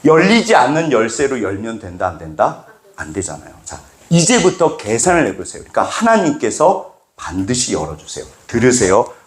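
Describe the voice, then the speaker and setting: A middle-aged man preaching a sermon as pastor, acting out little dialogues with sudden jumps in pitch. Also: huge pitch swings, normal speed, roomy sound. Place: church sanctuary.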